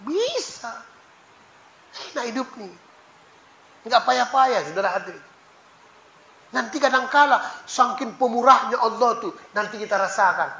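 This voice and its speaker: A man preaching a lively, joking mosque sermon, acting out prayers in a hushed low voice. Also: normal speed, creaky, pauses often. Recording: echoey mosque, slightly dull sound, faint noise.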